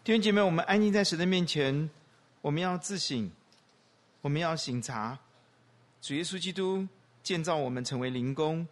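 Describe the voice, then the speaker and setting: A man, a pastor, leading the congregation in calm, measured prayer. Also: fairly high pitch.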